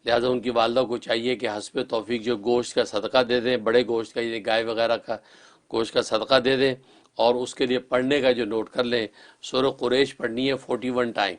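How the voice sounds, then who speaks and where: A man interpreting callers' dreams on a religious call-in show, calm and advising in a set, formulaic way. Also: medium pitch.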